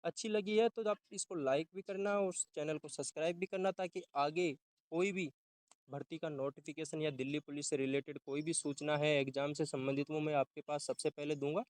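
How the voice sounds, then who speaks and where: Clear-voiced young man explaining exam rules. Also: fairly high pitch, steady tone, a little fast, darkish tone, no echo. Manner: informal, repeats and restarts words while explaining. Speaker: exam-prep YouTuber. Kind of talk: explaining a job notification.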